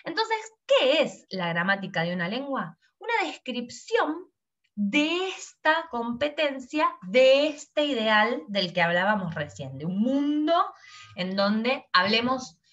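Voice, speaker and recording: A woman's voice: a little high, very animated, takes it slowly, fairly bright tone, dull audio. A woman, teaching a lesson and explaining slides, who acts out her examples with a changing tone.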